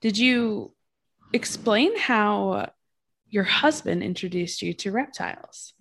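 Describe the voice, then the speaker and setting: A woman's voice: mid-range voice, lively intonation, takes it slowly, vocal fry, a bit bright, slight background noise. A young woman hosting a casual interview, chatty and curious, with many fillers. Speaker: host.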